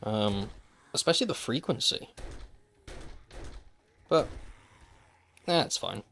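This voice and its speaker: A man's voice: mid-range voice, animated, takes it slowly, vocal fry, fairly bright tone, slight background noise. A man streaming a survival game, chatting casually to viewers with dry, wry asides. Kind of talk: casual gameplay commentary. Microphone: desk microphone.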